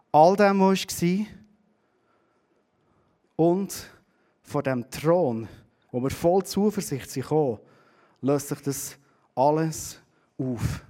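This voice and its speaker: This sermon comes from a middle-aged man with a Swiss German accent and a fairly high voice. He tells stories animatedly, moving between loud and quiet, taking it slowly with frequent pauses.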